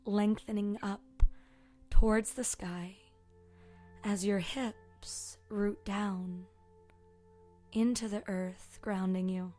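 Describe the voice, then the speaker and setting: Leading a meditation, this yoga and meditation teacher speaks very slowly in a relaxed, mellow, mid-range voice. She stays soft and gentle, pauses at length, and drifts toward a breathy near-whisper over gentle music and singing bowl tones.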